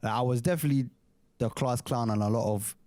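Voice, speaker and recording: A man's voice: medium pitch, quick pace, darkish tone, no room sound. Young London roadman guy chatting casually. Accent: London urban roadman slang accent. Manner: slangy, loose, talkative. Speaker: podcast co-host. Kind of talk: casual banter and chat.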